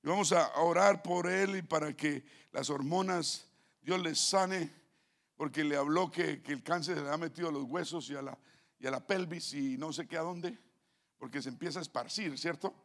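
A man preaching a sermon as pastor. He swings between soft asides and loud shouted declarations and stretches out key phrases slowly. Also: a little high, gravelly. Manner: slow, drawn-out emphasis on key phrases. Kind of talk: Pentecostal-style sermon.

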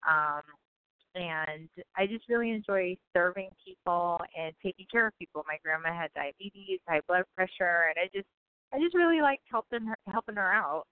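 A woman's voice: fairly low pitch, clear, resonant tone, no echo. A woman in her thirties from Guyana, a physician talking about her career as an interview guest, chatty with frequent laughs and ums. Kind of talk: casual interview answers. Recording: tinny phone-like line.

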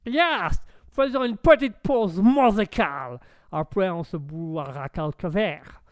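A man voicing a loud, tipsy American man who keeps pushing champagne and calls people "old boy". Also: sits high, slow, no room sound, clean studio sound. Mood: boisterous tipsy. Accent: fake American accent in French. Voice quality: boisterous, says "old boy".

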